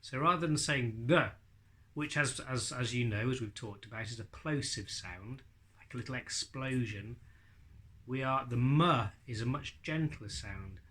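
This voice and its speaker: A man's voice: mid-range voice, measured pace, sharp tone. A man in his forties giving an informal spoken tutorial, explaining and demonstrating speech sounds as a ventriloquism teacher. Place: living room with bookshelves and leather sofa.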